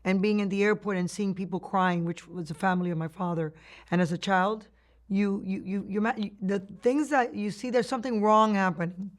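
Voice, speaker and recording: The interviewee, a woman from Cuba, shares memories in an oral history interview. Her voice is mid-range and steady in tone, her pace brisk, and she keeps restarting and laughing as she reflects.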